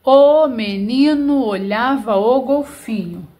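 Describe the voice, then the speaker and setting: A woman teacher reads sentences aloud one word at a time. She spells out letters as she writes. Her voice sits a little high and moves very slowly. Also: mellow. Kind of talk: slow dictation lesson.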